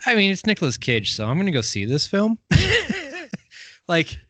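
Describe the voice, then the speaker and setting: Rambling, animated male podcast host. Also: fairly high pitch, moderate pace, no room sound. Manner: rambling, lots of fillers and laughs. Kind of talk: casual chat.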